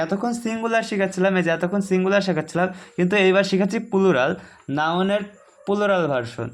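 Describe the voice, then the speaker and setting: A man teaching a casual online grammar lesson, chatty and repetitive, checking often that students follow. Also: high-pitched. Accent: Bengali. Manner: chatty, keeps asking "ঠিক আছে?"; explains slowly, repeating each rule.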